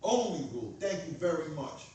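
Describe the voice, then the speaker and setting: A man from Queens with a Queens New York accent, delivering an animated, profane comedic rant in punchy, repeated phrases and rhetorical questions. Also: a little high, moderate pace, a little hiss or hum. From Queens, New York, USA. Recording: very echoey room, distant mic.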